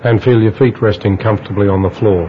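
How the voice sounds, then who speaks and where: A man guiding a relaxation exercise in a slow, hypnotist-like manner, with long pauses between instructions. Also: lowish voice, steady tone. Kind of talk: guided relaxation narration. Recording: dull lo-fi audio with faint noise.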